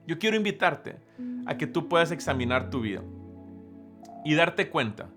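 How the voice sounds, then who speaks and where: A man preaching a sermon as pastor, earnest, rising on questions and sinking low and soft on key phrases, reading scripture between points. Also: very animated, moderate pace, faint music behind.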